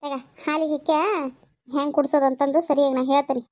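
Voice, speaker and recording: A fussing village grandmother, voiced by a woman in a cartoon, talking in a North Karnataka accent. The voice sits high and is recorded bone-dry, with no room sound. She chatters and scolds as she frets over the baby. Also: level tone, fast, darkish tone, no echo, natural voice. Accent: North Karnataka Kannada. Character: fretful village grandmother, doting on crying baby. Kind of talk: cartoon voice acting.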